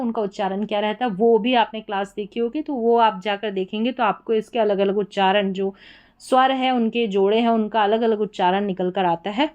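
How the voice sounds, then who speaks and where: A woman's voice: on the high side, clear, resonant tone. A woman teaching an English spelling and pronunciation lesson, spelling words out letter by letter and asking and answering her own questions.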